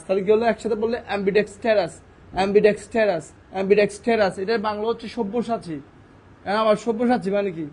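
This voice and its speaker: A man teaching English grammar, asking questions and answering them himself while sounding out words syllable by syllable. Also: sits high. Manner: speaks in an informal classroom way. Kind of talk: classroom-style grammar lesson.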